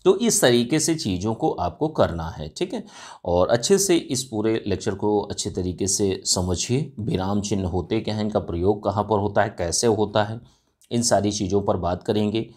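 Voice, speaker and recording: A male teacher with a lowish, slightly mellow voice delivers an exam-prep lecture at a moderate pace. He works through the material step by step, often posing questions and answering them himself, with many fillers and self-corrections.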